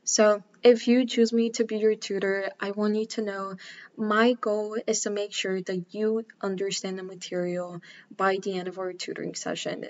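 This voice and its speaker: Raised in Bulgaria and in her twenties, this woman introduces herself to the camera as a math tutor, earnest and casual, with lots of "um"s. Her voice is medium-pitched and darkish, and the sound is lo-fi.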